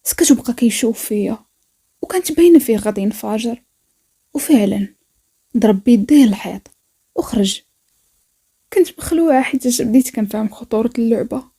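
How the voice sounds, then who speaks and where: Husky Moroccan woman narrating a story. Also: fairly high pitch, lively intonation, a little fast, pauses often, mellow. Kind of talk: first-person story narration.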